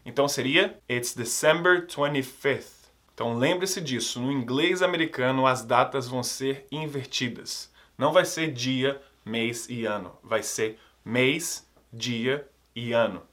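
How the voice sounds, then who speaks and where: A man teaching English, quick in his explanations and slow and clear when he models words for repetition. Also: medium pitch. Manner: drills words slowly for students to repeat; explains quickly in a lively, upbeat way. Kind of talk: online English lesson for Portuguese speakers.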